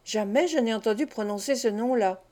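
A kind young lady speaks gently and soothingly, read by a woman narrator. Her voice is fairly high and mellow. This is an audiobook of a classic novel. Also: brisk, close to an everyday voice. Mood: gentle.

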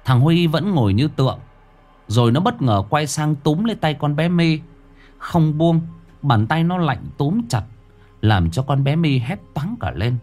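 Lively man telling a ghost story. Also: a little high, measured pace, soft background music.

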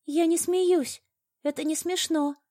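A woman reader voices a frightened young heroine, pitched high and pleading, her words squeezed and tense. She sounds cornered and desperate. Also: fairly even intonation, slow, mellow. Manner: strained, pleading.

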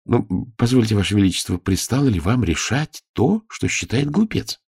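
A man voicing a mischievous little girl dressed as a page, in a high, pleading, lively voice for a storybook reading. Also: moderate pace, vocal fry, slightly rough, dry recording, studio quality, heavily acted. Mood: sly, polite.

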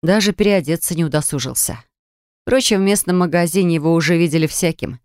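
Low-voiced woman reading a dramatic audiobook. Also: dry recording, clean studio sound. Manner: even, measured storytelling. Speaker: narrator. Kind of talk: scripted audiobook narration.

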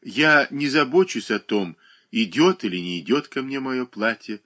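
A man voicing a calm, reserved young woman who speaks coolly and evenly. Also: medium pitch, voice pushed up. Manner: calm, cool and measured.

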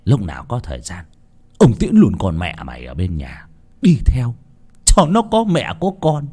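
A man's voice: medium pitch, wildly swooping pitch, normal speed, a little mellow, husky. A man voicing a cruel old village chief who gives cold, dismissive orders. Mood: menacing.

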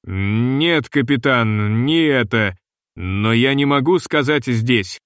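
A gloomy, fussy ship's purser, as a male reader puts him on talks in a slow, mournful drawl. His voice sits in the middle range and sounds close and dry. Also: mid-range voice, fairly bright tone, smooth, no echo. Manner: slow, mournful and long-winded.

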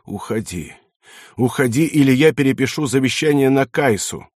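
A man voicing an irascible old male Finnish baron who shouts, scoffs and chokes with rage. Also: mid-range voice, expressive, moderate pace, no room sound, clean studio sound, natural voice. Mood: choked rage. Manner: shouting, scornful, choking with rage.

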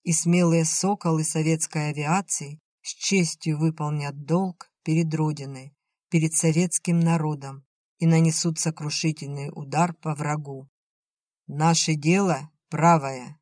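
A man voicing a solemn wartime radio announcer, slow and declamatory, in a storybook reading. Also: on the high side, steady tone, a little mellow, no echo, lightly acted.

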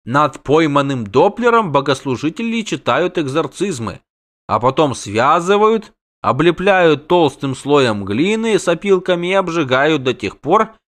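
A man's voice: a little high, a bit bright, voice pushed up. A man reading the part of a middle-aged male innkeeper who talks in fussy, alarmed exclamations.

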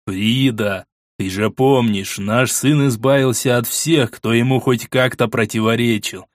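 A man's voice: mid-range voice, fairly even intonation, measured pace, no room sound, studio quality, natural voice. A man voicing a worried archduke who pleads with his wife in an earnest, insistent way. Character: worried, persuasive older archduke, husband.

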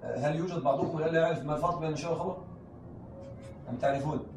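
A man's voice: fairly high pitch, racing. A male teacher explaining a grammar lesson to a class, often repeating himself and checking that his students follow. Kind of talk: classroom lesson on Arabic rhetoric. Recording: echoey room, voice from far off, faint background noise.

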